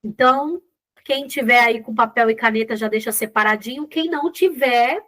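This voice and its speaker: A woman's voice: on the high side, normal speed, pushed and bright. A Brazilian woman teaching an informal class, speaking conversationally and encouragingly straight to her listeners. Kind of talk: informal spoken lesson.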